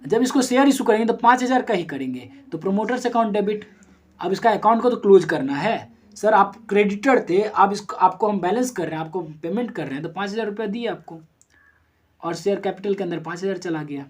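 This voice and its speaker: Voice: medium pitch, fairly quick. A commerce teacher giving a recorded lesson who explains step by step with worked number examples. The teacher talks straight to the students, asking and then answering their own questions and correcting themselves mid-sentence.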